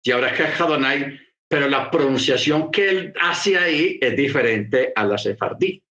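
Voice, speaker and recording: Male preacher, middle pitch, teaching tone with repeated phrases, reverberant room. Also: moderate pace, pushed and bright, lo-fi sound. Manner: explanatory, repeats phrases for emphasis. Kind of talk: sermon teaching.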